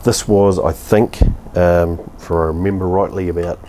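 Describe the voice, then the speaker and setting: Deep-voiced laid-back New Zealand man. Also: steady tone, moderate pace, warm tone, a little hiss or hum. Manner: laid-back, blunt, rambling with fillers and mild swearing. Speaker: beer reviewer. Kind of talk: casual review monologue. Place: covered outdoor home bar, daytime.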